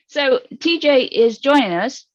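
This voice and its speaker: A woman's voice: high voice, lively intonation, unhurried, lo-fi sound. A woman co-hosting a casual, chatty interview show over a video call. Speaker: co-host.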